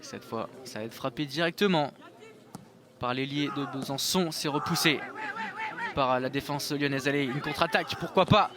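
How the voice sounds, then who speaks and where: A man giving live football commentary in an excitable way, building up to drawn-out goal calls. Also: mid-range voice. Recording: outdoor crowd noise behind commentary. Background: outdoor stadium crowd.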